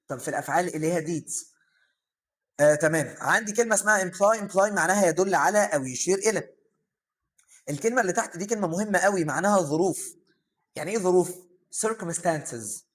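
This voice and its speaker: A young man with an Egyptian Arabic accent teaching an English vocabulary lesson. He explains each term, asks himself questions and answers them, filling pauses with "aah". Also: fairly high pitch. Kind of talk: vocabulary lesson for secondary students.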